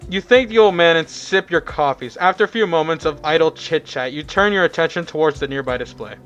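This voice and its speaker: A man's voice: a little high, fairly quick, fairly bright tone, dull audio, faint music behind. A man narrating a fan visual novel aloud, often stumbling and rereading words, with chatty asides. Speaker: narrator reading a fan game.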